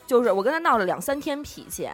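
A woman co-hosting a podcast, telling stories in casual chat, animated and laughing often as she acts out quotes. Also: fairly high pitch, quick pace, faint music behind. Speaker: podcast co-host.

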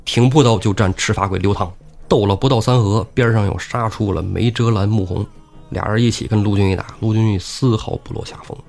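A man co-hosting a podcast, retelling a classic novel in a lively, colloquial way. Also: lowish voice, fairly quick, gravelly. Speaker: podcast co-host.

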